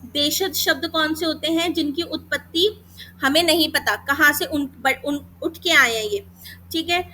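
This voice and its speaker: Preparing students for exams, this Hindi grammar teacher speaks in a high-sitting, sharp voice over a little hiss or hum. She addresses them as beta, slips in English terms, and slowly sounds out letters.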